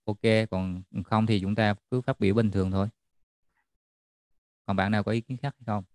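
A man's voice: fairly low pitch, fairly even intonation, moderate pace, darkish tone, no echo, clean studio sound. A man tutoring a math class online, checking in often with students as he explains. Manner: checks in often with students, repeating "được chưa?".

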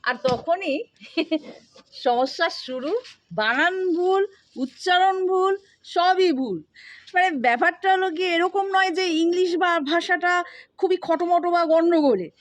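A woman's voice: extremely high pitch, a little slow. A woman teaching an English spelling lesson in Bengali, explaining patiently step by step and often checking that her students follow.

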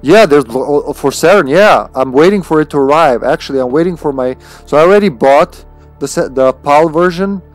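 A Serbian man whose first language is Serbian livestreams a video game, chatting casually and playfully with chat and swearing along the way. His voice sits fairly high and sounds animated, moving at a normal speed with faint music behind him.

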